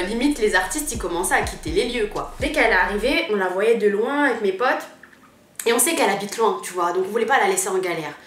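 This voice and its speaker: Young woman, animated storytelling, mid pitch, roomy echo. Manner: animated slangy storytelling, acts out dialogue. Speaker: YouTuber. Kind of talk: storytime vlog, casual chat.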